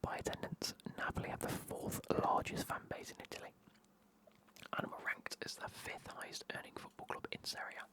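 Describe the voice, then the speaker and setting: A British person in their twenties whispering an ASMR unboxing in a soft, excited, chatty way, reading aloud. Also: brisk, rough recording. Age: 20s. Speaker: ASMR video host.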